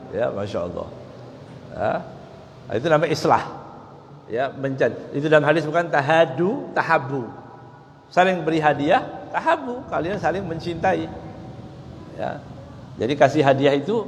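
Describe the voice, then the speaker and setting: A man's voice: mid-range voice, slight background noise. A man giving a casual religious study lecture, chatty and conversational, often acting out little dialogues and checking in with "ya". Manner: conversational, acts out quoted dialogue, frequent "ya". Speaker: religious teacher. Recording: echoey hall with faint ambience.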